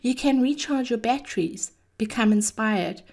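A woman's voice: fairly high pitch, normal speed, a little mellow. A woman hosting a chatty, encouraging monologue with personal anecdotes, speaking in a theatrical, cheeky manner. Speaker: podcast host.

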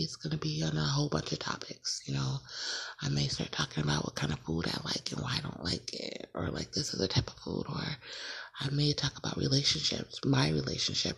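In a casual intro to her solo podcast, a host in her late 20s speaks in a low-pitched, creaky, slightly rough voice. She rambles, keeps correcting herself, and laughs at her own slips.

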